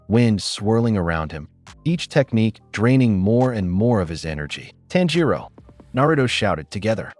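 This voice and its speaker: A male narrator tells a scripted action story with dramatic flair. His voice is low, and his pitch rises and falls in lively sweeps, with faint music playing underneath.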